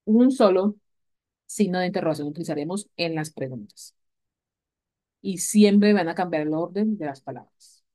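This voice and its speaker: A woman's voice: lowish voice, animated, normal speed, mellow. A woman teaching an English grammar lesson to a class, explaining patiently and checking in with her students often. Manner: patient, repeats key points, asks "¿vale?" often. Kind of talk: recorded class lecture.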